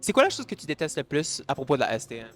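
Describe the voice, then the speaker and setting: A man's voice: on the high side, big pitch swings, racing. A man with a Quebec French accent hosting street interviews, playful and mixing French with English. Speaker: host.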